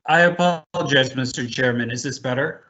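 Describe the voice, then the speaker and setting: A man's voice: medium pitch, moderate pace, bright, forceful tone, lo-fi sound. A man formally reading a report to a commission over a video call, his audio choppy and breaking up. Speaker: staff member presenting a report to a commission.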